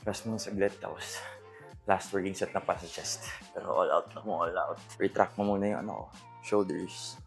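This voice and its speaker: A Filipino man speaking casually as a fitness vlogger, coaching exercises and mixing in English gym terms. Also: deep voice. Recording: music behind the voice.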